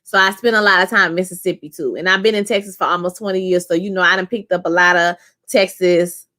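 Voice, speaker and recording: Talking fast in a voice on the low side, a Louisiana woman in her thirties with a New Orleans accent live-streams her review of a TV episode. She's chatty and animated with her live-chat viewers, whom she calls "y'all."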